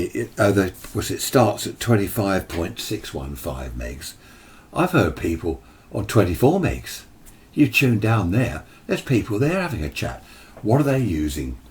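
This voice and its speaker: A British man presents an amateur radio video, delivering an informal, opinionated explainer as a radio hobbyist. His voice is low and a little mellow, with a slight hiss or hum, and he talks conversationally while mimicking imagined replies.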